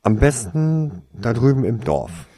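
A man's voice: mid-range voice, a little slow, husky, no echo, voice pushed up. A man voicing an unflappable young wizard boy. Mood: relaxed. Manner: relaxed, dry.

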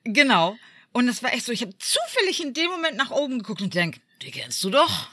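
A woman from Germany co-hosting a podcast in casual chat. She tells stories in a lively way, acts out what people said, and uses many fillers. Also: on the high side, fast talker. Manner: lively storyteller who acts out quoted voices, many fillers. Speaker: podcast co-host.

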